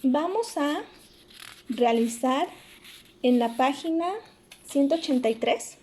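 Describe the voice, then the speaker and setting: A woman's voice: high-pitched, takes it slowly, darkish tone, slight background noise. A woman teaching a remote lesson to young schoolchildren, explaining each step patiently and calling them sweetheart. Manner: affectionate, addresses pupils as "corazones".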